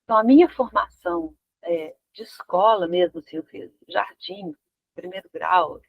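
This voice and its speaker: A woman in her fifties from Argentina, a guest dancer talking casually in an interview, relaxed and pausing to find her words. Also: lowish voice, vocal fry, lo-fi sound. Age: 50s. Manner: relaxed, searching for words with restarts.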